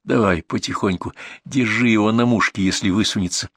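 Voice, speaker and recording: Man reading as a stern investigator, clipped orders, gravelly, dry close sound. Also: on the low side, brisk, fairly bright tone, dry recording. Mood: calm command. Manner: curt, commanding orders. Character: stern, composed male police investigator.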